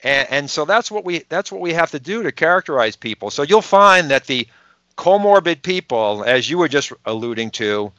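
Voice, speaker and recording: A man's voice: fairly high pitch, expressive, moderate pace, pushed and bright, no room sound, dull audio. A man with a Boston accent, a podcast guest explaining health research in an emphatic way and asking rhetorical questions. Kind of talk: explanatory interview talk.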